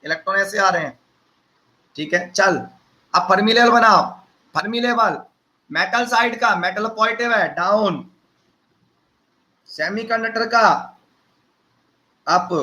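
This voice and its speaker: A man with a high, bright voice leads a physics lecture, joking with his students and calling them son and brother. He talks casually, firing off questions and answering them himself. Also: a little slow, pauses often, poor audio. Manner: teasing, conversational, addresses students as beta and bhaiya. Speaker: teacher.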